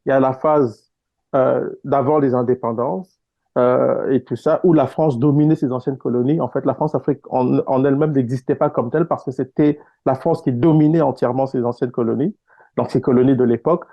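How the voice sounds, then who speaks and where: A Congolese-born man answering interview questions in a measured, explanatory way with frequent hesitations, speaking over an online call. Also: mid-range voice, fairly even intonation, dry recording, lo-fi sound. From Congo (DRC). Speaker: guest author.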